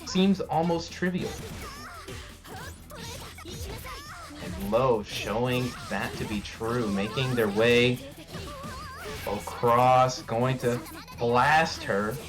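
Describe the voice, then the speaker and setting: A man commentating a fighting game tournament live, calling the action with dramatic hype. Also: medium pitch. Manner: dramatic, hyping the players. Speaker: esports commentator.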